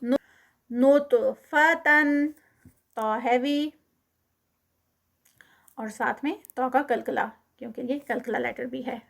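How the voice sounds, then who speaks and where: A woman teaching Quran recitation. She chants each word slowly and louder, then explains each rule quietly and quickly. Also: a little high, creaky. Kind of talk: recitation lesson, Urdu with English terms.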